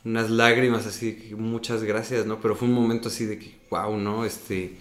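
A man's voice: lowish voice, moderate pace. Storytelling Mexican man, echoey room. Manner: animated storyteller, tags sentences with "¿no?". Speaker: actor telling his story. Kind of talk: casual conversational interview.

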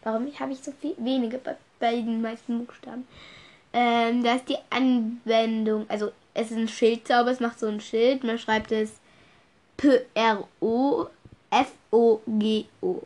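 Her voice is fairly high, steady and unhurried, with a slightly dark tone. Stuffed up from a cold, this young podcast host talks casually on her solo show, wandering through her notes and spelling words letter by letter.

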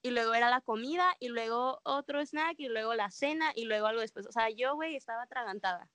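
A young Mexican woman in a candid, slangy chat, her voice pitched a little high. She tells a personal story openly in a Mexican Spanish accent, and the sound is dry and close. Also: fast, fairly bright tone, no room sound. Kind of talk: casual chat.

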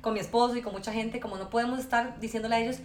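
A Costa Rican woman talks quickly and explains mindfulness as an interview guest, slipping into short quoted exchanges as she goes. Her voice sits in an echoey room with a faint hum of ambience behind it. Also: on the high side, fairly even intonation. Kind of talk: casual interview chat.

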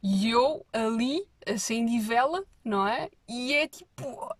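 A woman's voice: on the high side, lively intonation, slow. A woman with a European Portuguese accent, telling a rambling comic story to her viewers, with whispered asides. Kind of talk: casual comic monologue.

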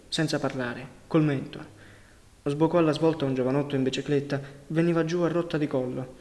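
A man reading a novel aloud in a measured, grave narration. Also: a little high, a little mellow, big-room sound. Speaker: audiobook reader.

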